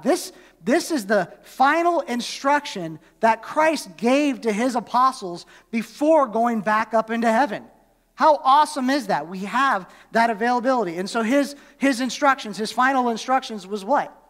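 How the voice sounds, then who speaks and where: A man's voice: high-pitched, a bit bright, in a large hall. A male pastor preaching a sermon in a conversational way, often asking his congregation questions. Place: church.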